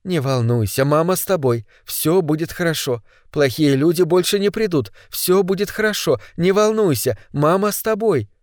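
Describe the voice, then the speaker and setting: A man voicing a frightened mother, hushed and soothing. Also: a little high, normal speed, no echo, studio quality, lightly acted. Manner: soft, hushed, repeating soothing words. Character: grieving woman, a frightened mother soothing her child.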